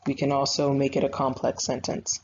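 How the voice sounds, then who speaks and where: A young woman writing instructor records an online grammar lesson in a rumbling low voice, delivered completely flat and a little fast. Despite that, she's patient and conversational, using many fillers; the lo-fi sound is slightly dull with faint noise.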